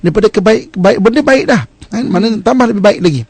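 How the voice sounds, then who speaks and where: A man's voice: high-pitched, fast talker, a little mellow, slightly rough, no echo. A man with a Malaysian Malay accent, a religious teacher giving a radio talk on family life, laying out numbered points and tagging them with "kan?". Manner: explains in numbered points, with rhetorical "kan?" tags.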